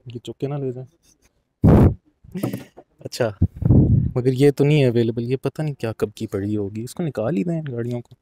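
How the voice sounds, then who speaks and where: Walking an outdoor car lot, this young man vlogs in a relaxed, explanatory way, dropping English phrases here and there. He speaks at a moderate pace with long pauses in a mid-range, dark-toned voice, and there's a slight hiss or hum.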